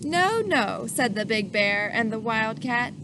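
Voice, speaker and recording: Slowly and with animation, a woman with a slightly high voice reads a children's picture book aloud. She stops to ask the listener questions and acts out the sneezes. Background noise can be heard.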